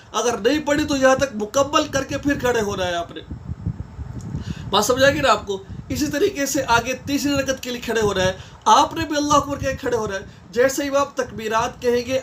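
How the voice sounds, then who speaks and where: A man with a very high voice gives a patient step-by-step religious lesson. He keeps checking that the listener follows and slows down to recite prayer phrases. A faint hiss sits under the recording. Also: fairly bright tone. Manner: explains step by step, often checking "theek hai?"; recites Arabic prayer phrases slowly mid-explanation. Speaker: religious teacher.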